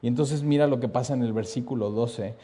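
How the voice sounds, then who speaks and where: A man preaching a sermon, telling the story dramatically, dropping to a hush and then rising loud, with repeated lists. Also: mid-range voice, a little fast.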